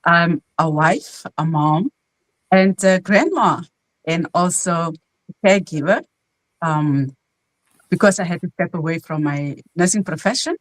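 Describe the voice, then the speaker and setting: A woman's voice: on the low side, unhurried, no room sound. South African woman, dry close sound. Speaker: guest, registered nurse and mentor. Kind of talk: self-introduction on a live panel. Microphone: video call.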